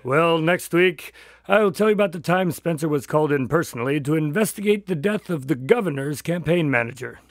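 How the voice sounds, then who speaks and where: A man playing a detective's doctor sidekick and storyteller in a radio drama, conversational and expressive. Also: a little high, a little fast, dry recording. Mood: storytelling.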